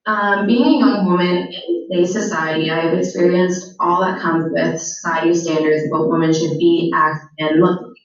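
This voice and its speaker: A teenage girl gives a school presentation, stuttering with repeated words and frequent fillers, her voice on the low side with fairly even intonation at normal speed. The recording sounds very echoey, distant and dull.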